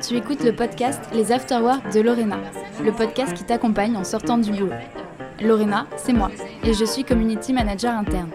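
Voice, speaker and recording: A woman's voice: on the high side, fairly even intonation, brisk, over music. A young woman hosting a podcast, talking to the listener in a friendly, casual scripted way. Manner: friendly, addresses listener directly. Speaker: podcast host.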